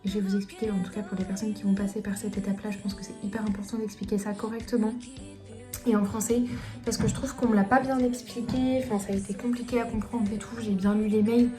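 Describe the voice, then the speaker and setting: A woman's voice: mid-range voice, steady tone, fast, over music. A young woman vlogging in a casual, chatty way, rambling and poking fun at herself, recorded on a phone camera. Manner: chatty, self-deprecating, rambling. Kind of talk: casual vlog chat.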